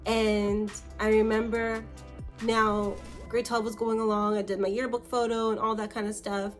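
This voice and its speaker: A woman's voice: a little high, flat delivery, moderate pace, faint music behind. A young woman from Canada telling a story to camera in a casual vlog, chatty and acting out the voices of the people in her story. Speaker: vlogger.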